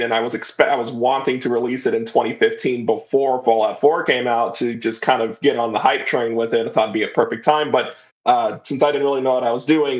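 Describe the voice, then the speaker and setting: A man with a medium-pitched voice, recorded in lo-fi sound, speaks casually as a podcast interview guest. He's a writer and audio drama creator who chats about his creative work, slipping in quoted asides.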